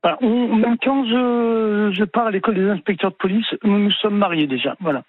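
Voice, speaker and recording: A man in his sixties calling in to a radio show, telling his own story in a halting way with many repeats and restarts. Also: high voice, dry recording. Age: 60s. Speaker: caller. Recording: tinny dry phone line.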